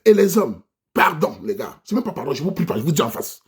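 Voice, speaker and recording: A man's voice: on the high side, sing-song, fast, breathy edge. A man from Cameroon with a Cameroonian French accent, delivering an impassioned monologue rant as a vlogger, preaching and exhorting his listeners directly. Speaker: vlogger addressing his diaspora audience.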